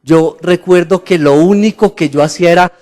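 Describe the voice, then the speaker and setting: A man's voice: high voice, moderate pace. A Colombian man preaching a sermon to his congregation, telling stories with humor and asking the crowd questions. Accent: Colombian Spanish. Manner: animated storytelling with the congregation, laughing and asking questions. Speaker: pastor. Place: church hall. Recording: long hall reverb.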